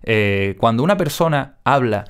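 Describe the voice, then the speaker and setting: A man teaching audio mixing in a casual spoken tutorial, with crisp careful diction and frequent check-ins with the listener. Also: medium pitch, lively intonation, normal speed.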